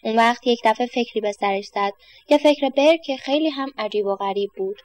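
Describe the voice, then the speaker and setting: A woman calmly reading a children's story aloud in a measured, steady manner. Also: on the high side, slight background noise.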